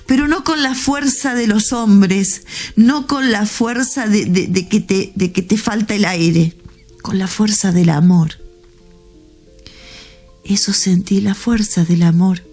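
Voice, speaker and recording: A woman giving an emotional spoken testimony of faith, talking softly and heartfelt, often repeating words. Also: mid-range voice, slow, soft background music. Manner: soft, heartfelt, with repetitions.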